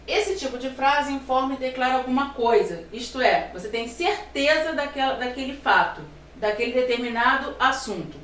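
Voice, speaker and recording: A woman teaching a grammar lesson. She explains step by step, asks rhetorical questions and slows down to stress her examples. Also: on the high side. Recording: roomy sound from a distance, faint room noise.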